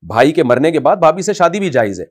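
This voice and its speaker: A man, an Islamic scholar, answering a question in an impassioned advice talk, emphatic and scolding at times. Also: big pitch swings. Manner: emphatic, rises loud to scold, then drops low and quiet.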